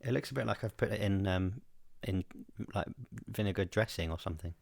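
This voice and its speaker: Male podcast co-host, low voice, wry and quizzical, dry close sound. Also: brisk, creaky, no room sound. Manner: wry, questioning, often laughing. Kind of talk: casual chat.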